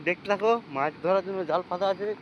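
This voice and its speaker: A man vlogs casually on a handheld phone by a muddy riverbank and aboard a boat, chatting with viewers and calling out to passers-by. His high-sitting voice is fast and fairly even, and the lo-fi audio carries wind and boat noise.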